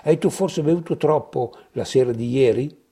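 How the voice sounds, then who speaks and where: A man's voice: mid-range voice, normal speed, dark tone, breathy edge. A man voicing a male painter friend who asks puzzled questions. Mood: questioning.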